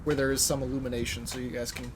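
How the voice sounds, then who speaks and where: A man's voice: mid-range voice, little pitch movement, quick pace. A man running a tabletop game as game master, narrating loosely and casually. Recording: noticeable background hiss.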